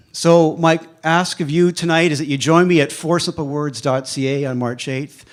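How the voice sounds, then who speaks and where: A man of fifty giving a motivational speech to a live audience, emphatic, with a repeated refrain and dramatic pauses. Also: on the high side. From Canada. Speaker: speaker at a live evening event.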